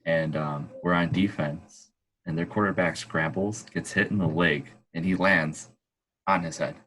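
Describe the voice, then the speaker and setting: A man working as an athletic trainer, chatting casually on a podcast and telling animated stories. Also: sits low, a little slow, slight background noise. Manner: animated storyteller.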